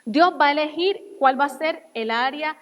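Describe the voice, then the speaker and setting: A woman preaching as a guest speaker, giving an earnest personal testimony that drops to soft, quiet passages. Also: sits high, normal speed, long reverb tail, lo-fi sound. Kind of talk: sermon.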